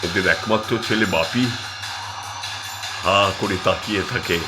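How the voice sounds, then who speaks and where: A man's voice: deep voice, unhurried, over loud music. A man narrating a short story expressively and dramatically.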